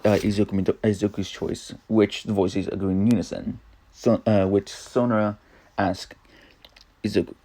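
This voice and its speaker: A young man reading his own fan fiction aloud, rambling and halting with many fillers and restarts. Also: lowish voice, creaky, warm tone. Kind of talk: improvised fan fiction narration.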